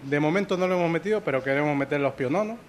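A man's voice: on the high side, rapid-fire. A man from Ecuador who manages a pastry shop, answering interview questions in a hesitant way, repeating words and checking in with "¿vale?".

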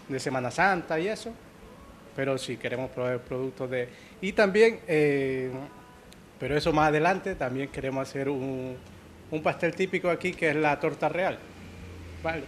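A man's voice: on the high side, a little hiss or hum. A man from Ecuador who manages a pastry shop, answering interview questions in a hesitant way, repeating words and checking in with "¿vale?".

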